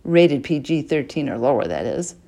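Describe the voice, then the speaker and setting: A woman voicing a spry, bossy grandmother who is proud and folksy, talking in a brisk, chatty drawl. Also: extremely low pitch, big pitch swings, creaky, warm tone, pitched below the performer's own voice, full character voice.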